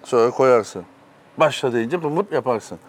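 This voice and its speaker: A man's voice: medium pitch, animated, measured pace. A middle-aged man hosting a casual chat, telling stories animatedly and laughing often. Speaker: host.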